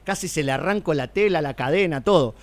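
A middle-aged man with an Argentine accent, a circus owner telling lively stories in a casual interview. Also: fairly high pitch. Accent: Argentine Spanish. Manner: animated, rapid storytelling. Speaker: circus owner and former announcer.

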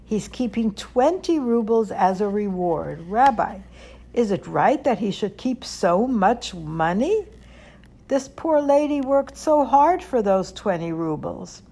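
A woman's voice: medium pitch, expressive, takes it slowly, mellow. A woman voicing an indignant male wedding guest in a storybook, complaining in an accusing tone.

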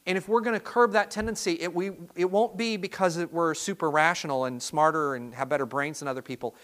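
A man's voice: a little high, fairly even intonation, a bit bright. Earnest man preaching with frequent restarts. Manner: earnest, halting with repeated restarts. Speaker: pastor. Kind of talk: sermon.

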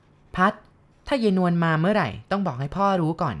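A woman voicing a stern, guarded rural father, speaking slowly and solemnly in a spoken ghost story. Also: fairly low pitch, animated.

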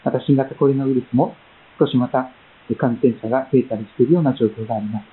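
A man preaching a sermon as pastor, reading scripture and praying in a measured, gentle way with frequent pauses and fillers. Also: mid-range voice. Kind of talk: sermon with Bible reading and prayer. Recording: tinny phone-like sound.

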